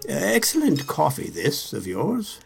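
A man's voice: a little high, huge pitch swings, slow pace, gravelly, music in the background, exaggerated voice. A man voicing a sulky, pompous old king who rambles and grumbles. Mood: sulky rambling. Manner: rambling, grumbling, pleased with himself. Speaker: storybook king voiced by narrator.

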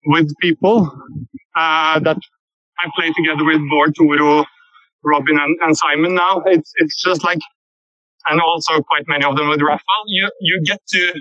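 A musician, answering interview questions over a low-quality earbud mic call stream in a thoughtful, halting way with many fillers. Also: male voice, steady tone, sharp tone, no echo. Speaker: musician guest. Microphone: earpods while walking outdoors. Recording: dull dry lo-fi call audio.

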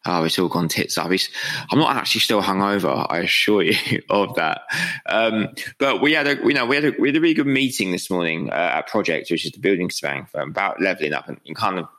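Gravelly low-voiced young British man. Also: quick pace, bright, forceful tone, poor audio. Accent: British English. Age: young adult. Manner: rambling, self-deprecating, swears freely. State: hungover. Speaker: podcast host. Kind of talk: casual motivational monologue.

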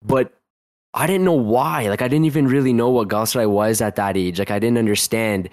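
Telling a personal story as a guest in a casual interview, this twenty-something man from Canada rambles, leans heavily on "like," and keeps restarting. His medium-pitched voice is brisk with a darkish tone, captured at studio quality without echo.

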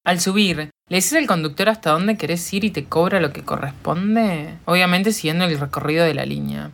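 With a Uruguayan Spanish accent, a woman hosts a casual solo podcast, rambling, joking, answering her own questions, and laughing often. Her voice is on the low side and a bit bright, delivered briskly with vocal fry.

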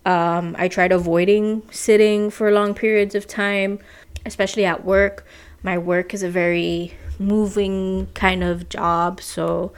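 A young woman from the Caribbean gives a casual podcast update in a slightly low voice. She is late in her pregnancy and a little out of breath as she talks. Her talk is loose and chatty, full of "like" and "you know". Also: gravelly. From Saint Martin, Caribbean. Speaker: podcast host.

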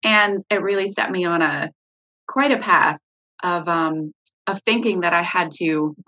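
A woman's voice: on the low side, unhurried, pushed and bright, muffled recording. A woman, a mother, talking candidly in an interview about her parenting, with many fillers and restarts. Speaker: parent guest sharing her story.

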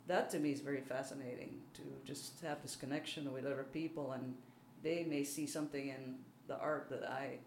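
Speaking brisk and with few pauses, a mature woman with a Belgian accent answers interview questions about her art in a casual, modest, hesitant and self-deprecating manner. Her very deep, darkish voice holds fairly even intonation; she's a native speaker of French, German and Dutch. Faint background noise sits in a roomy recording.

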